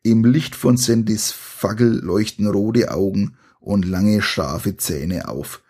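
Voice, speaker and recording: A man's voice: fairly low pitch, slow, dark tone, slightly rough. A man reading an adventure gamebook aloud to listeners, with chatty, colloquial asides between the passages. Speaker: reader of a gamebook.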